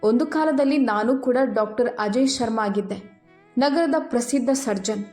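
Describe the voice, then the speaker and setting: A calm, wise old retired surgeon speaks in a quiet, measured, gently stern way, as a woman storyteller puts him on. His voice sits fairly high and rings in an echoey room over faint background music. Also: lightly acted.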